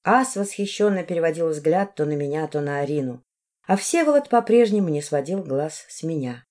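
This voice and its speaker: Mellow-voiced woman narrating an audiobook. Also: low voice, lively intonation, normal speed. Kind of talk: first-person audiobook narration.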